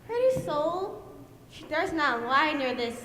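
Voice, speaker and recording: A teenage girl playing a mischievous fairy servant in a school stage play, delivering slow, theatrical lines from a distant mic in an echoey hall. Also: sits high, very animated, fairly bright tone, a little hiss or hum, full character voice. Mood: sly. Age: teens. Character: mischievous sprite, errand-running fairy servant. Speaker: student actor. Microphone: distant room mic.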